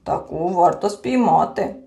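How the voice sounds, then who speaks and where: A woman voicing a slow-witted, pedantic male creature who collects insects, muttering in a pompous way, with faint music behind. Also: fairly low pitch, gravelly, dark tone. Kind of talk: audiobook character voice.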